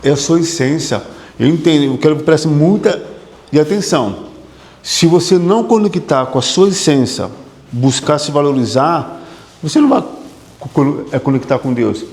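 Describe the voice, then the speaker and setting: A man's voice: fairly high pitch, normal speed, a little mellow. Emphatic man in an echoey hall. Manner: emphatic, repetitive, questions the audience. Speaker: psychotherapist giving a talk. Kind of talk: motivational lecture. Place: hall with an audience. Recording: echoey hall with long reverb.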